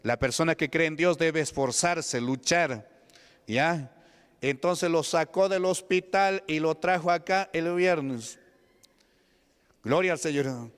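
Peruvian man preaching, emphatic sermon, fairly high, smooth resonant voice, long church reverb. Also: slow pace. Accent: Peruvian Spanish. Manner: emphatic, calls out to the congregation. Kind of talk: evangelical sermon. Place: church hall.

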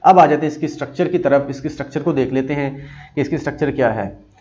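A man's voice: medium pitch, quick pace, a little mellow. A man teaching psychology, explaining a diagram step by step, repeating key terms, often checking "ठीक है?", and mixing read-out English definitions with his own explanation. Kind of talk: explaining a diagram in a recorded lecture. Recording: dull lo-fi lecture recording.

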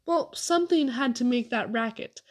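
A woman reading aloud, voicing a gruff grown man, a tramp, in a storybook. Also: a little high, moderate pace, lightly acted. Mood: grumbling.

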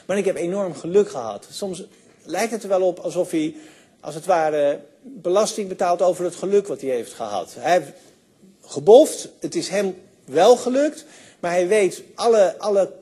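Older guy lecturing, husky mellow voice, lots of ehs and restarts. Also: high-pitched, expressive, unhurried. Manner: enthusiastic, with frequent fillers and restarts. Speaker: sociology lecturer. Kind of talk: university lecture.

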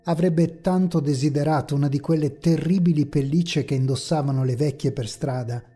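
A man narrates a horror story in a measured, ominous manner. His voice is husky and mellow, sitting a little high for a man, over faint dark ambient music.

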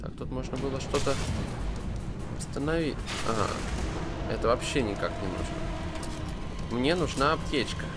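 A man with a speech impediment that turns r into w, giving excitable, sweary, unscripted gameplay commentary. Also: mid-range voice, normal speed, pauses often. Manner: excitable, heavily swearing, talks to the game's enemies. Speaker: let's player. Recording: loud game music and gunfire behind. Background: loud video game music, gunshots.

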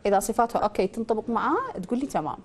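A woman's voice: on the high side, big pitch swings, rapid-fire. A woman with an Iraqi accent hosting a call-in astrology show. She quizzes a caller with probing questions, then gives confident pronouncements over a studio mic. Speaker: astrologer host.

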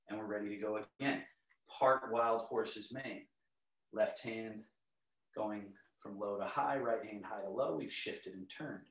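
Recorded from across a home living room by a camera, the audio is echoey and far off. A middle-aged man with a mid-range voice guides tai chi movements step by step, serene, calm, and measured.

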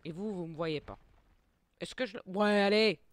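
A woman hosting her gaming channel, giving excitable play-by-play commentary, taunting enemies and muttering to herself, jittery from too much coffee. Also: mid-range voice, moderate pace, no echo. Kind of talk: live gameplay commentary.

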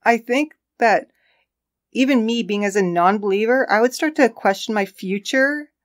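A woman's voice: a little high, moderate pace. A woman co-hosting a casual true crime podcast, chatting and laughing as she tells the case story.

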